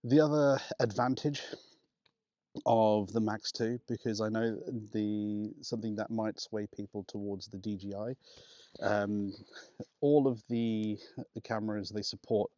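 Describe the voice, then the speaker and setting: A low-voiced man talks casually while walking outdoors, restarting sentences and chuckling as he goes. His voice comes through a small clip-on wireless mic and sounds dry and a little dull. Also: measured pace, no room sound. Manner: relaxed, rambling with many restarts and laughs. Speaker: vlogger. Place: outdoors on a walk in a park.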